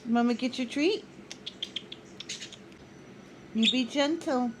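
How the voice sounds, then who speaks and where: A woman talking affectionately to her pet bird at home, cooing short repeated phrases with pauses between them, with chirps behind her. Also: high voice, background noise. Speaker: pet owner talking to a budgie. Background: budgie chirps and clicks.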